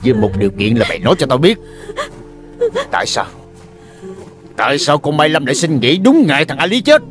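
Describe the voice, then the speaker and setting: A man's voice: fairly high pitch, very animated, fairly quick, music in the background. An actor playing a ruthless male gang boss who interrogates his captives in a menacing, taunting way.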